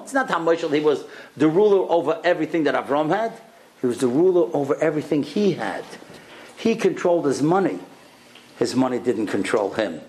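A man's voice: fairly high pitch, creaky, darkish tone. A middle-aged man giving a Torah lecture as a rabbi, emphatic, repeating phrases and asking rhetorical questions.

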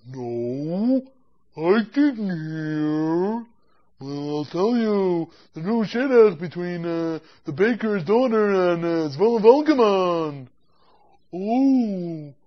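A performer playing gossiping townsmen who excitedly pass along news with hesitant fillers. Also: mid-range voice. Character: two gossiping old-world townsmen. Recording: dull lo-fi recording.

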